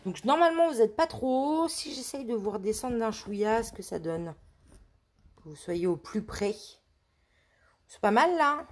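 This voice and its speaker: A woman with a fairly high voice hosts a live crafting demo, speaking casually and stopping often to search for words. She is filmed by a camera on a tripod at home, and she chats while handling her materials. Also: animated, normal speed. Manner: chatty, hesitant, many fillers and restarts. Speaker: scrapbooking live host.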